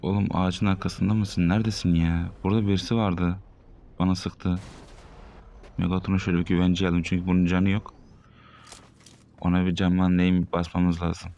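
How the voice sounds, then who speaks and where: A young man in his twenties from Turkey talks over his own shooter gameplay in a low-pitched voice. He is excitable and swears, and he bursts out loud at the enemies he sees. Game gunfire sounds clearly behind him. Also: fairly quick, long pauses, a little hiss or hum. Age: 20s. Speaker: gaming streamer. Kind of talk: live gameplay commentary.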